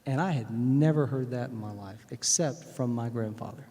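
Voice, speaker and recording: A man from Texas telling personal stories on stage in conversation, animated and acting out the voices in his anecdotes. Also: mid-range voice, normal speed. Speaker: guest musician. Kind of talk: conversational storytelling. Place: synagogue sanctuary. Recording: echoey sanctuary with long reverb.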